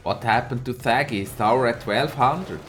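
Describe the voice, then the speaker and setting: At a mid-range pitch and moderate pace, with soft background music, an esports caster comments on a live match and chats with his audience. He sounds lively, laughs often, greets viewers by name, and is a little hoarse from a cold.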